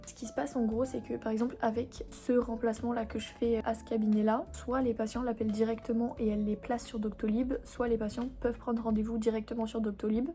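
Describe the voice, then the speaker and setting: A young woman from Réunion talks casually to her vlog audience about her workday as an osteopath. Her voice sits a little high, she fills her talk with fillers, and at times she drops into a soft whisper. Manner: chatty, quick, lots of fillers, shifting between soft whispers and louder talk. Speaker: osteopath vlogger.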